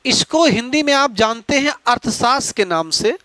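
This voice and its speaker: High-pitched guy giving an exam prep lecture, lots of questions to the class, dry close sound. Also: lively intonation, moderate pace, pushed and bright, no room sound. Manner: explaining with repeated rhetorical questions.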